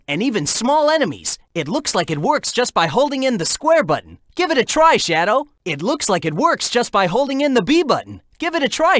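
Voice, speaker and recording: Sonic, cocky lively hedgehog hero. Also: male voice, high voice, no echo, studio quality. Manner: energetic, breezy, teasing. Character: cocky upbeat young male hedgehog hero, friendly sidekick guide. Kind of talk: video game character voice lines.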